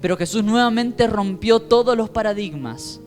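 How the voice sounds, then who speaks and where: A man with a Rioplatense Spanish accent, a pastor preaching a sermon in an animated storytelling way, acting out the voices he quotes. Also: sits high, moderate pace, soft background music.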